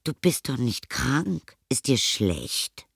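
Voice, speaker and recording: A man reading an audiobook and voicing a brisk, suspicious mother who keeps asking questions. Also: mid-range voice, big pitch swings, fairly bright tone, no room sound, clean studio sound, voice pushed up. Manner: probing, insistent questions. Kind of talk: audiobook character voice.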